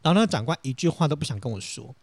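Fast, lively young Taiwanese man. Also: medium pitch, dry recording. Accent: Taiwanese Mandarin. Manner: animated, self-dramatizing, laughs while telling. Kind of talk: casual storytelling chat.

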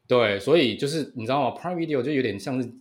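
A man in his thirties with a Taiwanese Mandarin accent, co-hosting a casual podcast in an animated, repetitive way that keeps seeking agreement. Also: mid-range voice, quick pace. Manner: animated, repeats phrases, seeks agreement. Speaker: podcast co-host. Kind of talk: casual bantering podcast chat.

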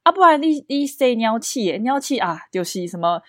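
A woman with a Taiwanese Mandarin accent voicing a blunt, tactless old grandmother who blurts things out loudly and fumbles for words. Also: on the high side, very animated, no echo, clean studio sound. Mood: loud blurting. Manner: loud, halting, searching for words.

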